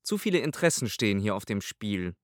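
A man voicing an irritable, imperious old pope in an audiobook, speaking pompously and forcefully. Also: fairly low pitch, big pitch swings, fast talker, no echo, clean studio sound. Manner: pompous, raised and forceful delivery. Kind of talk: audiobook character voice.

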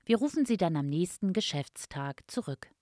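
A woman's voice: on the low side, very animated, moderate pace, dark tone, dry recording, studio quality. A woman in a polite, formal customer service voice, reading a scripted answering machine announcement. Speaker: phone announcement voice.

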